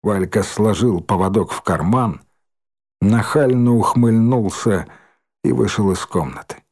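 A man reading a story aloud in an expressive, dramatic narrating style. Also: on the low side, unhurried, breathy edge. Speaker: audiobook reader.

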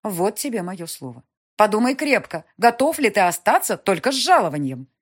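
A woman voicing a domineering aristocratic countess who scolds her grown son, in a husky, high-strung, overbearing voice, as in a period audiobook. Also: very animated, normal speed. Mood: scolding. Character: imperious aristocratic middle-aged countess mother.

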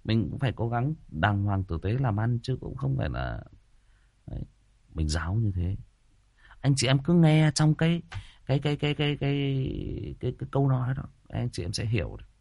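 A man's voice: medium pitch, very animated, normal speed, vocal fry, darkish tone, dry recording. A man telling a first-person story in a chatty, repetitive way, speaking straight to his listeners.

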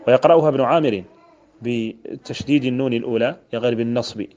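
Fast-talking sheikh explaining grammar, dull lo-fi sound. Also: male voice, medium pitch, darkish tone. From Mauritania. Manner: repeats and spells out word forms, chants quoted verses. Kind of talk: explaining a grammar poem line by line. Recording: dull lo-fi recording.

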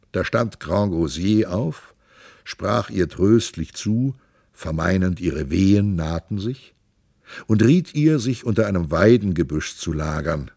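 Male audiobook narrator, theatrical and measured, low register. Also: darkish tone, no echo, clean studio sound. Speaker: audiobook reader. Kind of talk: literary reading of a classic novel.

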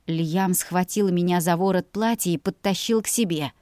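A woman narrating a first-person audiobook story in an expressive storytelling manner. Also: on the low side, normal speed, dry recording, studio quality.

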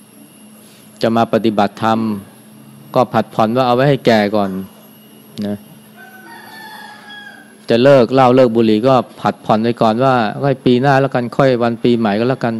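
An older man, a Buddhist monk, giving a dharma talk in a calm, unhurried way, softly ending his phrases with a gentle particle. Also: mid-range voice, clean tone. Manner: calm, unhurried, adds a soft "na" at the end of phrases.

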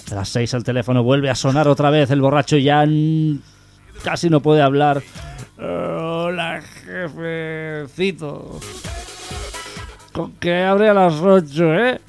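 A man hosting a radio comedy show, reading odd news items and jokes aloud in a measured, deliberate way. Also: fairly high pitch.

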